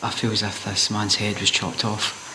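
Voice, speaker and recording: A man working as a medium on a ghost hunt, describing what he senses in a slow, halting way. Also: lowish voice, monotone. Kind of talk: psychic reading on a ghost hunt. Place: dark castle rooms. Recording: echoey rooms with background noise.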